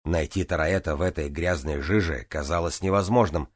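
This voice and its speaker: A man narrating a first-person audiobook in a steady, even reading. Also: low voice, brisk, no echo, studio quality.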